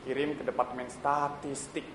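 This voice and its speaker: A man's voice: mid-range voice, flat delivery, moderate pace, fairly bright tone, a little hiss or hum, close to an everyday voice. An actor playing a cheerful male city official on a theatre stage, breezy and reassuring with a bureaucratic air. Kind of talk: stage play acting. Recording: roomy live stage recording.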